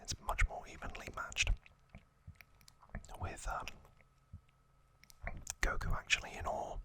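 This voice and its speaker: A male ASMR host whispers a slow, hushed recap in short phrases, his voice breathy and unvoiced.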